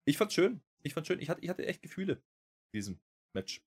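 A man's voice: on the high side, sing-song, brisk, husky. A man chatting casually on a wrestling podcast, rambling with lots of fillers and restarts and getting worked up as he goes. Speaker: podcast co-host.

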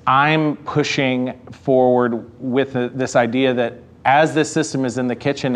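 A man speaking on a panel discussion in a casual, animated way, often saying "like" and "right.". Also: mid-range voice. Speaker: researcher.

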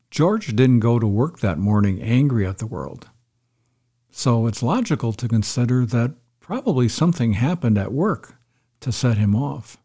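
A man giving a calm, reflective devotional talk as a pastor, retelling a story to make a point. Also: medium pitch, husky.

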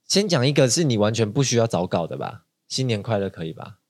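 Low-voiced teasing podcast host. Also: male voice, big pitch swings, fast talker, a little mellow. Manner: laughs often, teasing. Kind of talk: casual chat.

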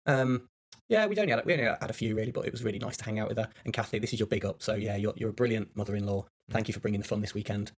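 Male podcast co-host, 30s, eager, chatty, very rapid. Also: lowish voice. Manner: eager, chatty, laughs along. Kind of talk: casual chat.

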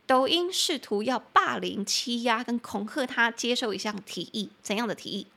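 A young woman hosting a podcast lesson, explaining English phrases in chatty Mandarin and spelling words out slowly. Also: a little high, gravelly, bright, forceful tone. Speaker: English teacher and podcast host. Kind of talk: bilingual language lesson.

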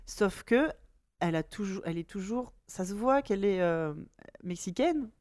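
Animated woman chatting on a podcast. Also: mid-range voice, normal speed. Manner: animated, with laughs and mock voices. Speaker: podcast host. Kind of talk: casual podcast chat.

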